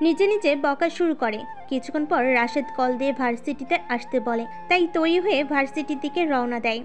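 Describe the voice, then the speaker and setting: A woman narrating an audio romance story in a steady, scripted storytelling manner. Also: high voice, a little fast, over music.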